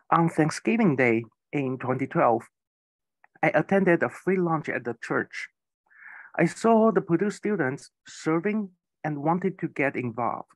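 Slow, careful man giving a keynote. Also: fairly high pitch, no echo. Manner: slow, careful storytelling with occasional slips. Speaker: keynote speaker. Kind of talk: prepared speech.

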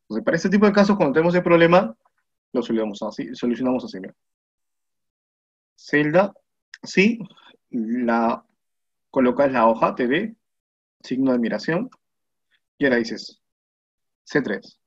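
Male instructor, Peruvian Spanish accent, slightly husky voice, muffled lo-fi sound, patient tutorial delivery. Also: medium pitch, very animated, moderate pace, pauses often. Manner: patient step-by-step explaining, asks "¿no?" and "mira" often. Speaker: spreadsheet instructor. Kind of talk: screen-recorded software tutorial. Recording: muffled lo-fi voice recording.

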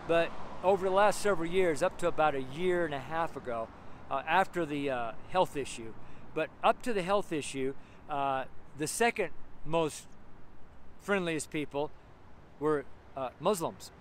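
His voice is on the high side and his pace normal as he delivers a rambling, emphatic street sermon outdoors on a sidewalk. He chuckles and leans on fillers often. Shot selfie-style with the camera close to him, the low-quality recording carries the noise of passing traffic.

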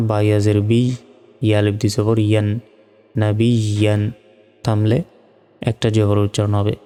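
A man teaching Quran reading, spelling out letters and vowel marks one by one and then reading each word slowly. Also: fairly low pitch, dark tone, smooth, big-room sound. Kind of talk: step-by-step spelling lesson.

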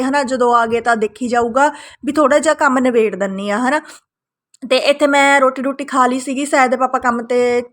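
A woman's voice: high voice, fairly bright tone. A woman with an Indian Punjabi accent narrating a casual family vlog to viewers, chatty and full of little tag questions. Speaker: family vlogger.

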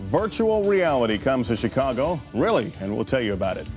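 A man's voice: medium pitch, very animated, a little fast, a little mellow. A man news anchor reading a news teaser in a showy, emphatic promo manner. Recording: muffled broadcast tape over music.

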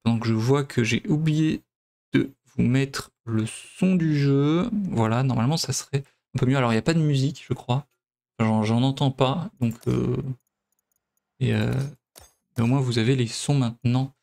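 Guy from france walking through a game, mid pitch, lots of ums and restarts. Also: moderate pace, creaky, a little mellow. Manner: hesitant, many fillers and restarts. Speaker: gameplay video host. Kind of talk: casual let's play commentary.

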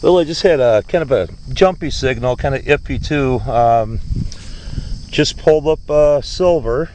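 A man talks slowly in a low-key, casual way, like a hobbyist narrating his finds for a vlog. His voice sits at an average pitch. He is outdoors near a handheld camera, with faint insects and open-air ambience behind him. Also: a little mellow, slight background noise. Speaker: metal detecting hobbyist, vlogger. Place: outdoors, grassy ground by a parking lot.

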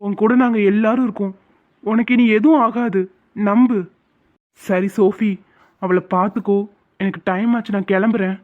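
A performer voicing a steady, kind young man who is a police officer in a cartoon. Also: mid-range voice, moderate pace, pauses often, lightly acted. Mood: calm. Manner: reassuring, calm. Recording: tinny phone-like sound.

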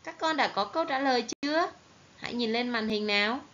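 A woman's voice: a little high, expressive, a bit bright. A woman primary school teacher with a Southern Vietnamese accent, giving a recorded reading lesson to children and carefully spelling out each word. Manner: slow, careful, clearly enunciated teaching delivery. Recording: dull lo-fi recording with faint hiss.

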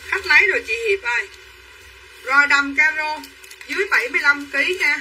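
A woman with a high, bright, forceful voice talks a little fast, pitching clothes on a livestream in repetitive hard-sell patter and naming her buyers. She's far from the mic, and the rough recording holds faint room noise.

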